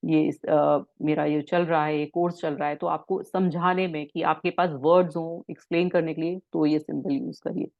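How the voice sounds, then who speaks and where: A woman instructor teaching a spiritual symbol course, explaining in Hindi mixed with English and reading English passages slowly. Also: low-pitched, dry recording, dull audio.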